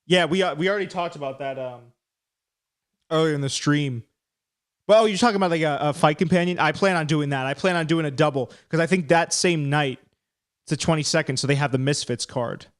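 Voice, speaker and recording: A talkative man hosts a casual live stream with a slightly high voice. He rambles and pokes fun at himself as he breaks down upcoming fights. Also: fairly quick, smooth. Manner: chatty, rambling, self-deprecating.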